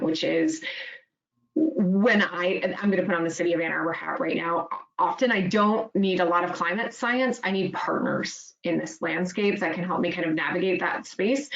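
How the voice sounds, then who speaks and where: Woman official, low voice, echoey call. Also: vocal fry. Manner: fluent, emphatic. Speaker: city official on a webinar panel. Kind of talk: unscripted panel answer. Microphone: video call. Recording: roomy, dull video call audio.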